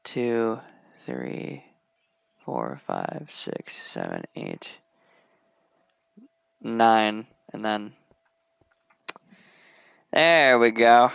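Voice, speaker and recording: Gravelly, slow-talking guy gaming. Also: lowish voice, big pitch swings, fairly bright tone, dry recording, clean studio sound. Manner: rambling, mumbles counts while building. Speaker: gamer. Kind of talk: casual let's play commentary.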